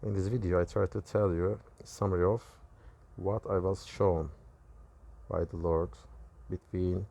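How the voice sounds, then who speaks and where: This religious video creator, a Turkish native speaker from Turkey with a Turkish accent, describes visions he experienced in halting, self-correcting testimony. He has a deep, mellow, husky voice with vocal fry and a flat delivery.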